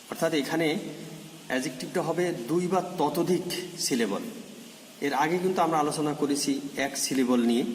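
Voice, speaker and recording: A man teaching English grammar, repeating example words slowly and stressing them. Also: a little high, darkish tone. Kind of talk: recorded grammar lesson. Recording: echoey room with long reverb, faint ambient hiss.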